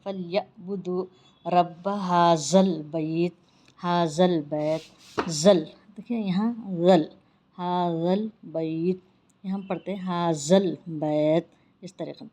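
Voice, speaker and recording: A woman teaching Quran recitation rules, explaining patiently and then reciting each verse slowly and drawn out. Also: fairly low pitch, mellow, lo-fi sound.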